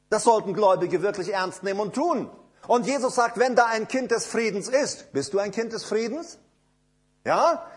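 A man with a high, husky voice preaching a sermon. He drives his points home with insistent repetition and talks straight to his listeners. He drops to low, confiding asides between loud declarations. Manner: emphatic, repetitive preaching with direct address to listeners.

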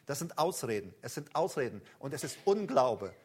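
A man preaching a charismatic sermon, emphatic and rousing, speaking straight to his listeners and swinging between loud calls and low, close asides. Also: very animated, moderate pace, husky.

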